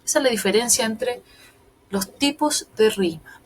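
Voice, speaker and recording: A woman's voice: on the high side, normal speed, a little hiss or hum. A woman teacher giving a recorded lesson, explaining patiently step by step and often checking if her students follow.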